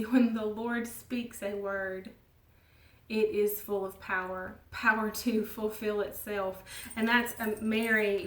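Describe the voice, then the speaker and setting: A woman giving an earnest, gentle devotional teaching, at times dropping her voice very low. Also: slight background noise. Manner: gentle and earnest, soft laughs, drops to near whisper. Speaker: ministry leader. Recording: roomy sound from a distance.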